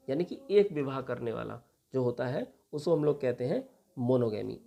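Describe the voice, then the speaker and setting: Patient male teacher with a mellow voice. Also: a little high, creaky. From India. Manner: patient, repeats each meaning and spells words out. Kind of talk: exam vocabulary lesson.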